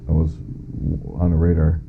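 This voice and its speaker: A very deep, monotone voice moves at a measured pace as a middle-aged American man gives first-hand witness testimony. He's a former air traffic controller, plain-spoken and matter-of-fact in this interview. The audio is muffled and lo-fi, with faint music behind.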